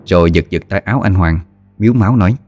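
A man narrating a story in a measured, plain reading voice. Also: deep voice, darkish tone. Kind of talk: audiobook narration. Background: faint music.

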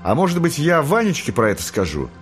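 A man voicing a keen young boy angel who coaxes and shouts eagerly. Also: fairly high pitch, huge pitch swings, brisk, soft background music, voice pushed up. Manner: bright, coaxing.

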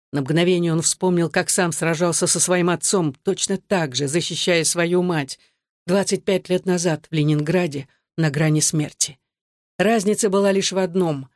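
An audiobook narrator reading a dramatic novel in a steady, measured way. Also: mid-range voice, dry recording, clean studio sound.

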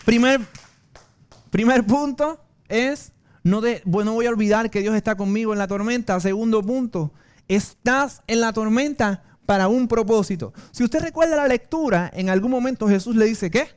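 Puerto Rican male pastor with a high voice, earnest sermon delivery mixed with personal stories. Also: normal speed, clear, resonant tone. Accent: Puerto Rican Spanish.

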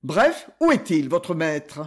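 A man voicing a haughty adult nobleman in an audiobook, curt and commanding, in a high voice. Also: big pitch swings, takes it slowly, breathy edge, heavily acted. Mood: imperious.

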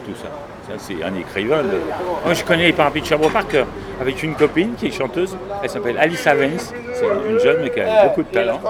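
A man, a singer-songwriter guest, talking in a casual radio conversation, animated, opinionated and a bit cynical. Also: medium pitch. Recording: busy crowd noise behind.

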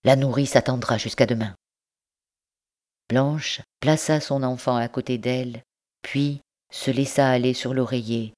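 A woman reading a classic novel aloud for an audiobook. Her narration is measured and even. It is scripted, steady storytelling. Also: rumbling low. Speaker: audiobook reader.

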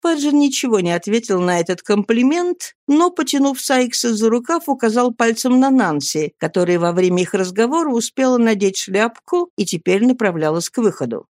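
A woman narrating an audiobook in a measured, even reading manner. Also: on the high side, no room sound, studio quality.

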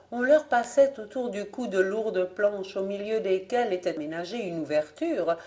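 A volunteer audiobook reader narrates a classic adventure novel. The delivery is steady and measured, with an even, unhurried reading voice. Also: mid-range voice.

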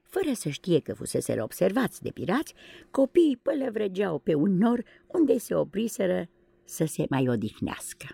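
A woman narrating a children's storybook in an expressive, dramatic way. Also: lowish voice, vocal fry, slightly rough, no room sound. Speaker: audiobook reader.

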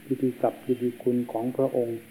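A man, a monk, giving a slow and solemn sermon, heard on an old worn tape. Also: medium pitch, flat delivery, warm tone, a little hiss or hum, low-quality recording. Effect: old worn tape recording.

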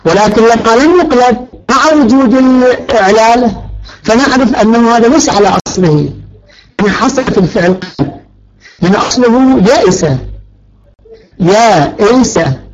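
A man's voice: high voice, a little fast, dull audio. A male teacher giving a grammar lecture, stretching out key words and quizzing his students. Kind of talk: Arabic morphology lecture.

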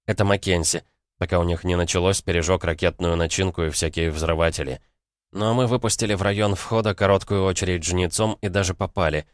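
A man's voice: low voice, fairly even intonation, a little fast, no echo, studio quality. A man narrating a first-person audiobook in a colloquial, wry tone.

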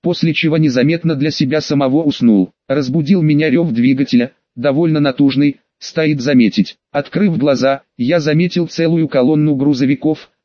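A man narrates an audiobook in the first person, with a fairly high voice. He tells the story in a matter-of-fact way and drops wry asides. The sound is dry and a little dull. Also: normal speed, hardly any pauses, dark tone, dry recording.

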